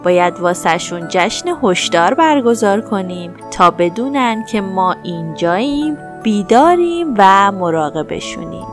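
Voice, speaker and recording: A woman voicing a strong, bold thunder cloud hero in a children's story, speaking quickly and confidently. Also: mid-range voice, lively intonation, music in the background, close to an everyday voice. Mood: eager.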